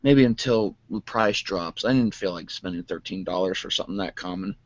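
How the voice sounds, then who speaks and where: A man with a self-described monotone voice chatting casually through a toy unboxing, rambling with lots of fillers. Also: low-pitched, fairly quick, dry recording, lo-fi sound. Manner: rambling, many fillers, calls own voice monotone. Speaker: vlogger.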